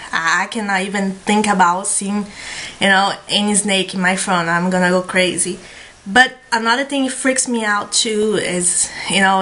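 A beauty vlogger in her thirties with a Brazilian Portuguese accent chats casually to the webcam on her desk, dropping in lots of fillers. She sits in a small room at home, and her mid-range voice sounds a bit bright.

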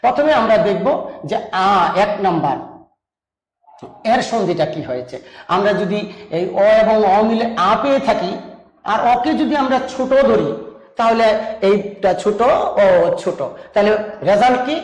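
A man's voice: sits high, expressive, moderate pace, pauses often, roomy sound. A man teaching a grammar lesson, explaining patiently step by step and asking rhetorical questions. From Bangladesh.

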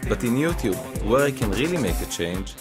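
A young man with an Israeli accent narrating his own documentary in a deadpan, self-mocking way. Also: medium pitch, brisk, over music. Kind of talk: wry first-person documentary narration.

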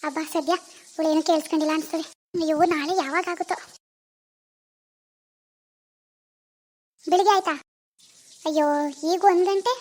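A woman's voice: very high-pitched, fairly even intonation, fast talker. A woman playing a lovestruck young college student in a village family drama, muttering anxiously to herself. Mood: impatient.

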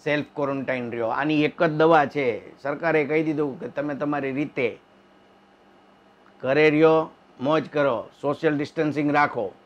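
A male stand-up comedian, telling his stories in an animated monologue. His voice sits a little high for a man. The recording sounds dull and lo-fi. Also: moderate pace. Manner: animated storytelling, wife voices in high falsetto.

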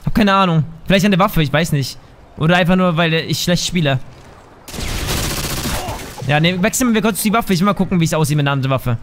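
A man's voice: fairly high pitch, fast, pauses often, slight background noise. Swearing gamer man over gunfire. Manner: frustrated, swearing, thinking aloud. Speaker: gaming commentator. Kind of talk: casual let's play commentary. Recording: game gunfire behind the voice. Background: game gunfire and sound effects.

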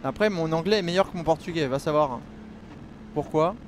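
This man's voice sits on the high side and moves briskly, with a little hiss or hum in the background. He's streaming a racing game live, chatting casually and reading viewer messages aloud in loose slang.

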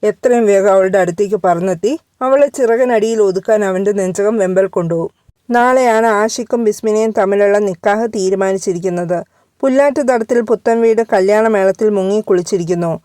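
Woman narrating a story, mellow dark voice. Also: mid-range voice, a little fast, no room sound, clean studio sound. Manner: steady, expressive reading.

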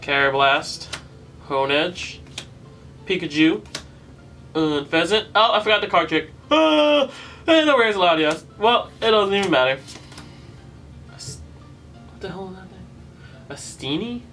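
Card-pack opener listing names one after another, slow and drawn out, faint music underneath. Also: medium pitch, expressive, a bit bright, recorded from a distance. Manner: rattles off card names, groans at poor pulls. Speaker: YouTube host opening trading card packs. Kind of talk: casual pack-opening commentary.

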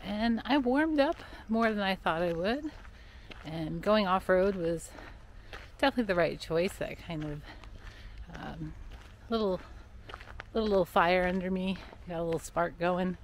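A woman's voice: fairly low pitch, measured pace, long pauses, a little hiss or hum. A middle-aged woman with an American accent chats casually as a running vlogger, speaking into a camera held at arm's length. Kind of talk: casual vlog chat. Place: on location at trails outdoors or in a parked car. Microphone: handheld camera at arm's length.

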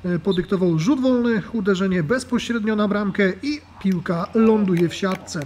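High-voiced man narrating a match report. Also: darkish tone, slight background noise. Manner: measured narration with "e" fillers. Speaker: sports commentator.

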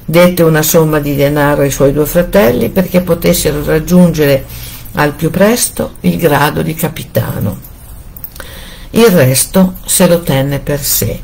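A woman reading a fairy tale aloud in an expressive, measured way. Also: low voice, gravelly, husky. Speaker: storyteller.

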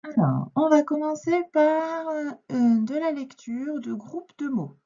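Slow, patient woman teacher, muffled recording. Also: sits high, lively intonation, warm tone. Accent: French. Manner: slow, clear, patient explaining with stretched words. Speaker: primary school teacher. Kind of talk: reading lesson for young children. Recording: dull, lo-fi home recording.

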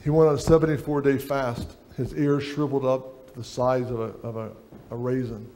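A man's voice: mid-range voice, little pitch movement, moderate pace, dark tone. A middle-aged man preaching a sermon on a church stage, reading aloud from a book at a lectern.

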